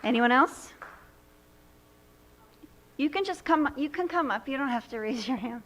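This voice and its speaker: A woman's voice: high-pitched, lively intonation, unhurried, fairly bright tone, a little hiss or hum. A woman chairing a school board meeting, giving casual directions to the audience, partly away from the microphone. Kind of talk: running a public meeting.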